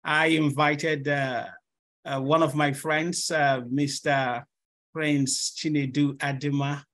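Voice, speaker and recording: A man's voice: a little high, flat delivery, slow, fairly bright tone. A man, the guest lecturer, opening his talk with repeated hesitations.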